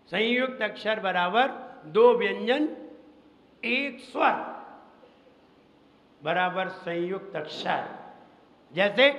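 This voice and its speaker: In a dull, echoey hall, a Jain monk with a high, slightly bright voice leads a classroom lesson on Sanskrit recitation. He goes slowly, says each rule over several times, tests his listeners, and breaks into chanted verses along the way.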